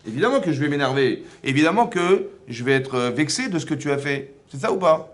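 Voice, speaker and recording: A man's voice: a little high, expressive, fairly quick, natural voice. A man voicing a proud, aggrieved elder brother who protests that he has been wronged. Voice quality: indignant, protesting.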